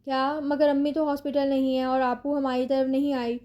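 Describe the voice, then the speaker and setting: A worried younger sister pours out one question after another without pausing, as a woman narrator reads her. The voice is high and soft. It is a plain storybook reading. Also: flat delivery, highs cut off, close to an everyday voice. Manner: rapid, nonstop questions.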